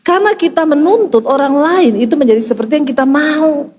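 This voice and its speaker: A middle-aged woman pastor preaching a sermon with humorous, animated storytelling. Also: high-pitched, a little fast.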